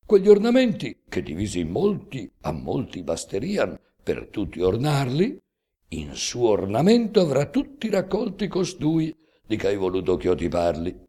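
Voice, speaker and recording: A man giving a slow, declamatory recitation of epic poetry, with sweeping rises and falls. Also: fairly low pitch, wildly swooping pitch, dark tone, husky. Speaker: reader. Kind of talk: dramatic recitation of epic verse.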